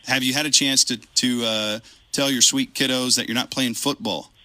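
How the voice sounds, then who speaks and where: A man interviews a guest, asking his questions with friendly hesitation. His voice is very bright and close, and the sound is dry. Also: medium pitch, steady tone, moderate pace, dry recording.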